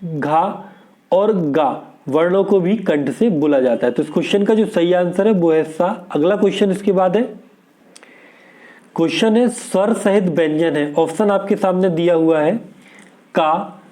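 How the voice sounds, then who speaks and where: A man's voice: high-pitched, unhurried, warm tone. A man teaching an exam prep lesson, going through questions steadily and asking and answering his own questions.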